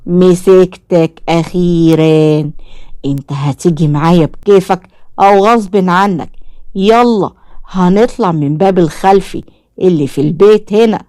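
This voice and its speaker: A woman with an Egyptian accent voicing a sly, scheming man posing as a sheikh, talking slowly and coaxingly. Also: fairly low pitch, darkish tone, dry recording, clean studio sound, natural voice. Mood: menacing. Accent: Egyptian Arabic.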